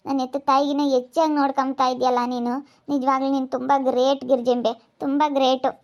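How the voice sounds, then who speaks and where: Soft-spoken woman, high and level. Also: little pitch movement. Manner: soft, slow and tearful. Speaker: new mother.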